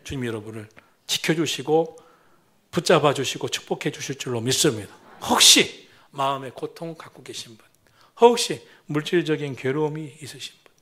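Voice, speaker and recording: A man preaching a sermon as senior pastor, rising to loud proclamations and dropping to hushed, near-whispered lines. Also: on the high side, lively intonation, normal speed.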